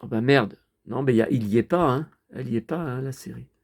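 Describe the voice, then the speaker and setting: A man's voice: medium pitch, a little fast, a little mellow, no echo, clean studio sound. A man vlogging casually to his viewers, rambling and muttering with mild swearing as he talks from home in front of a TV.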